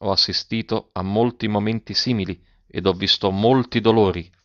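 A man's voice: on the low side, fairly even intonation, normal speed, fairly bright tone, no room sound. A man voicing a weary old country doctor who gives terse, resigned replies. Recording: dull, dry lo-fi recording.

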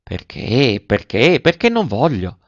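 A man's voice: medium pitch, huge pitch swings, slow, dry recording, highs cut off, heavily acted. A man voicing a timid, modest young woman who speaks tenderly, in a novel read aloud.

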